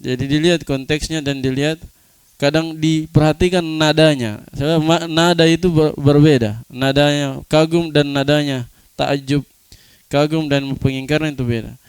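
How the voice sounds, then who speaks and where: A man's voice: on the high side, steady tone, normal speed, clear, resonant tone, no echo. A man teaching Islamic studies in a classroom lecture, explaining terms and putting questions to his students that he then answers himself. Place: study room.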